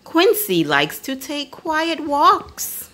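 Slow, lively woman reading to children. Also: sits high. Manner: teacherly, asks listeners questions. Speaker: storyteller. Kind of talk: children's read-aloud.

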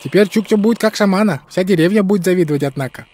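A naive, good-natured tundra native from a cartoon game. The voice is high and husky, in broken pidgin Russian with a lisping mock Chukchi accent. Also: male voice, racing, darkish tone. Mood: naive, pleased.

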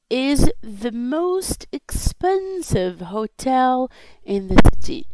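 A woman with a Tunisian accent, teaching an English lesson. She says each sentence slowly and carefully, repeats it, then explains it. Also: on the high side, mellow, poor audio. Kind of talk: slow classroom explanation, switching between English and Arabic.

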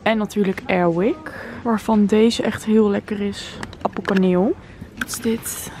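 A woman's voice: medium pitch, fairly even intonation, a little slow, background noise. A woman in her twenties chatting enthusiastically to viewers in a shopping vlog, recorded at home and then in a store. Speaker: vlogger. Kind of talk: casual shopping vlog chat. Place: home living room, then inside a store.

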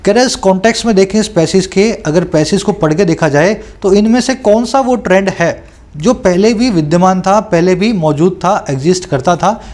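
High pitched guy going through an exam paper, keeps asking if you got it. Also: darkish tone. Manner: explanatory, checks understanding with tag questions; reads English questions aloud slowly, then explains in Hindi. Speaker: exam coaching teacher.

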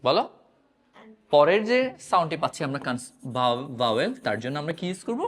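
Lively male grammar teacher quizzing students. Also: fairly high pitch, fairly quick. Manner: repeats questions to students, drills answers. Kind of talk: classroom-style grammar lesson.

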